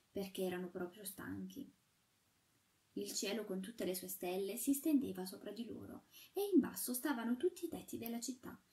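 A woman narrating a fairy tale as an audiobook reader, in a calm, measured storytelling manner. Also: medium pitch, far from the mic.

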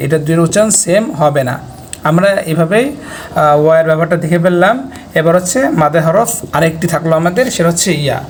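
A young man with a slightly high voice teaches Quran reading online. He chants each letter and vowel pairing in a steady, patient rhythm and stops often to check that his learners follow. A faint hiss sits under the recording. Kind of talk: online lesson, spelling out letters and vowel marks.

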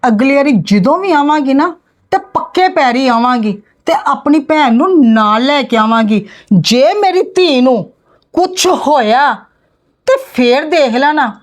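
A woman's voice: high voice, lively intonation, unhurried. A woman with a Punjabi accent playing a stern middle-aged aunt who scolds and threatens her niece's in-laws in a family drama. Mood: threatening. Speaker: bride's maternal aunt confronting in-laws. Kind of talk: amateur family drama acting.

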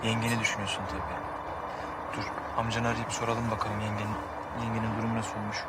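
An actor playing an earnest, caring young husband and father who speaks gently and attentively in a TV drama. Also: lowish voice, completely flat delivery, fast, loud music behind the voice, close to an everyday voice. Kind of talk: TV drama acting.

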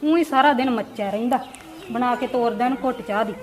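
A kind mother and wife speaks in a Punjabi accent, played by a woman. Her voice is high and quick. Music plays under her. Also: natural voice. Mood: chiding. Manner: soothing, chiding.

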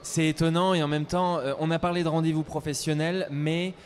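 A young man at a trade fair speaks eagerly into a handheld mic, often stumbling and repeating words. His voice sits a little high, with a faint hum of the hall behind him. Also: little pitch movement, fairly quick. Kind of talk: casual interview at a trade fair. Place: trade fair stage, indoors.

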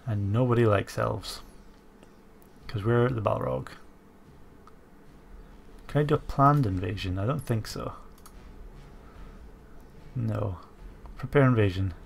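Speaking slowly with vocal fry and frequent pauses, a fairly low-voiced man hosts strategy game commentary while nursing a stuffy cold. He muses aloud with many fillers, keyboard typing sounds behind him, and there's slight background noise.

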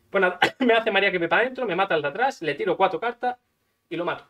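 A man's voice: sits high, lively intonation, fairly quick. A man, a gaming streamer chatting casually and swearing as he acts out dialogue while he plays. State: coughing. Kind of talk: casual storytelling while playing.

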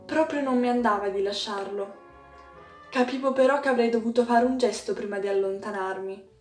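A woman's voice: fairly high pitch, darkish tone. Teen girl reading a book aloud, kinda far from the mic, echoey, faint music. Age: teens. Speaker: student reader. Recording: distant, roomy echo with faint music.

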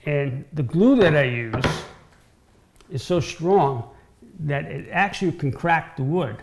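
Against a noisy background, a man in his sixties talks slowly with a slightly high voice and vocal fry. He's the guest woodworker explaining cutting boards in an indoor home-style kitchen, informal and prone to repeating and restarting phrases.

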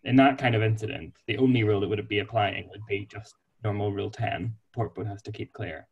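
Low, husky male presenter; patient, methodical rule explainer. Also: a little mellow. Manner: explains rules clearly and patiently. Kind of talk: online panel discussion. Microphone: video call.

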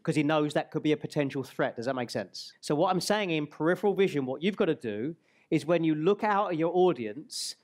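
Brief: male trainer in his forties, stage seminar, slightly higher voice, headset mic, slows on key words. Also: lively intonation, a little mellow. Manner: guides the audience through an exercise, slowing on key words. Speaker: speaker and trainer. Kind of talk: live stage seminar talk. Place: large hall stage.

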